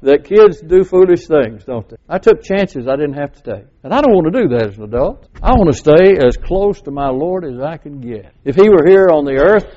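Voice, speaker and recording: Older pastor, late seventies, folksy sermon delivery, keeps quizzing the pews; voice sits a bit high, recording muffled. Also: male voice, big pitch swings, moderate pace, hardly any pauses. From West Texas. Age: 70s. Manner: folksy, asks the congregation questions.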